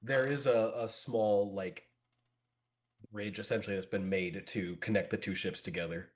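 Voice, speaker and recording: A man's voice: fairly low pitch, steady tone, normal speed. Man narrating as game master. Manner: descriptive narration with frequent fillers.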